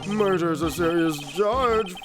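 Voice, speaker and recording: A stern old judge presides from the bench, drawn out and grave, as a man puts on the voice. He speaks slowly and deliberately, with game music behind him. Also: high-pitched, voice pushed up. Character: stern elderly male courtroom judge.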